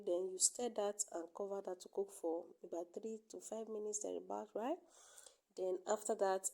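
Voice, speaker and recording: A woman's voice: lowish voice, warm tone, low-quality recording. A woman who has a cold, talking through a cooking tutorial in voice-over and often checking in with "okay?". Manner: tag "okay?" at the end of steps, many fillers. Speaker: cooking channel host.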